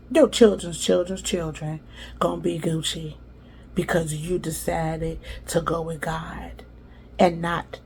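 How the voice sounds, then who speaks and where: A woman hosting a devotional podcast, giving faith-based motivational teaching with lively, dramatic storytelling and casual slang. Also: deep voice, takes it slowly, long pauses, slight background noise.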